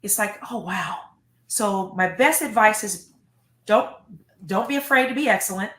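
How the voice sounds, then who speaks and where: A woman's voice: mid-range voice, moderate pace, fairly bright tone, reverberant. A middle-aged American woman, a school superintendent, giving earnest, emphatic interview answers and often repeating words. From United States.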